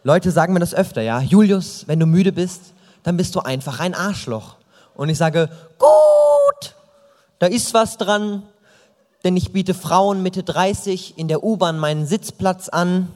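Young male slam poet, slightly high, deadpan dark jokes, hall reverb. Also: normal speed. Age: young adult. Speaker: poetry slam performer. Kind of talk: comic spoken-word performance.

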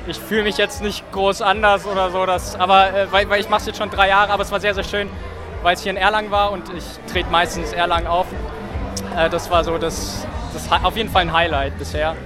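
Teen male slam poet, higher voice, rhythmic rhyming delivery. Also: little pitch movement, a little fast, music in the background, a crowd in the background. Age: teens. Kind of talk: rhymed poetry slam performance.

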